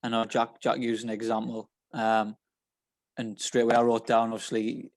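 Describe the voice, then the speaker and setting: A man's voice: medium pitch, completely flat delivery, normal speed. A coach on a video call, speaking earnestly and repeating words while he gathers his thoughts. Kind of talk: casual video-call discussion.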